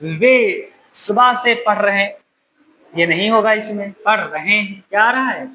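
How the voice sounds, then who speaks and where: Male classroom teacher who keeps firing questions at his students and scolds them gently, a bit of faint noise in the room. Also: high voice, a little slow. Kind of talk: classroom grammar lesson.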